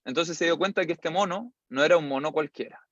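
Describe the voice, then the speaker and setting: A man's voice: fairly high pitch, fast, dry recording. Playful man teaching. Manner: animated, playful storyteller who acts out scenes. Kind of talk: lively storytelling lesson. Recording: slightly dull lo-fi sound.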